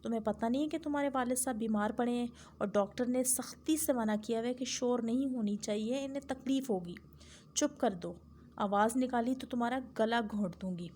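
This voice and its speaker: A woman teacher voicing a fussy, nagging middle-aged wife who scolds and frets in a quick stream of complaints. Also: fairly high pitch, darkish tone, a little hiss or hum, natural voice. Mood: scolding. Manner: scolding, fretful chatter.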